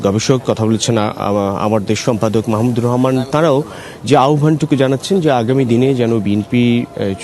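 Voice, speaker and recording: A man giving a live field news report from an outdoor plaza, measured and steady, pausing with frequent filler sounds. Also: medium pitch. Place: outdoor plaza at a public event.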